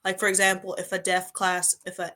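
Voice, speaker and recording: A woman's voice: fairly low pitch, fairly quick. A young woman in her twenties hosting a casual interview, chatty and full of "like" fillers. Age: 20s. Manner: chatty, frequent "like" fillers, lively when quoting others. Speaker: host.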